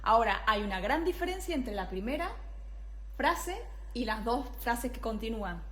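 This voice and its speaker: Brief: young female flute teacher, fairly high voice, patient and explanatory, frequent check-ins. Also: animated, moderate pace, fairly bright tone, slight background noise. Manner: scat-sings rhythms between phrases. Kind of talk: music tutorial.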